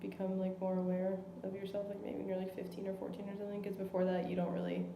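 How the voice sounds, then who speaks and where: A woman's voice: mid-range voice, completely flat delivery, fast, creaky, warm tone, slight background noise. A young woman answering interview questions casually, filling her speech with "like". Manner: casual, lots of 'like'. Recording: echoey room.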